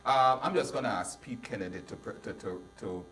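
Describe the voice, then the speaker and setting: A man's voice: lowish voice, a little fast, a bit bright, distant mic, slight background noise. A man hosting a casual panel, rambling with many restarts. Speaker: host.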